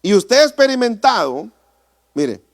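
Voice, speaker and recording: Lively animated preaching pastor. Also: male voice, sits high, a little slow. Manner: animated preaching, rhetorical questions to the congregation. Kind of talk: sermon. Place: church.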